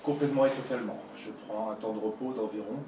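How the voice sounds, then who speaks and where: A man leading an abdominal workout, counting repetitions and giving slow, repeated breathing cues while he does the exercises himself. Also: fairly low pitch, far from the mic. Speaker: fitness coach. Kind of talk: guided exercise instruction. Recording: roomy, off-mic with clear background noise.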